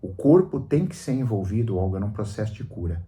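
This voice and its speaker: Brazilian man explaining on the radio, mellow. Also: on the low side, sing-song, brisk. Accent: Brazilian Portuguese. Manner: didactic, storytelling, emphatic. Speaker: psychologist guest on a radio show. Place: radio studio.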